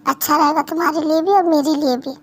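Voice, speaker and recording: A woman's voice: high-pitched, fairly even intonation, fast talker, close to an everyday voice, low-quality recording. A woman voicing a curt young CEO husband. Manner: blunt, dismissive, then apologetic. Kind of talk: fan Hindi dub role-play.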